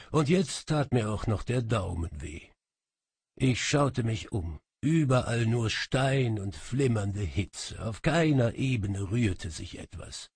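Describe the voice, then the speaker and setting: A man narrating a fantasy audiobook in the first person, wry and animated. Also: mid-range voice, gravelly, slightly rough, dry recording.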